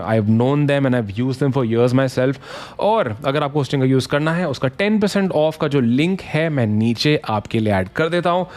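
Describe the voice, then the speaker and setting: A man's voice: medium pitch, a little mellow. A man in a casual, conversational explainer style, mixing English phrases into his talk and checking in with listeners often. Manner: conversational, mixes English phrases, frequent "thik hai?" check-ins. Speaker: online business educator.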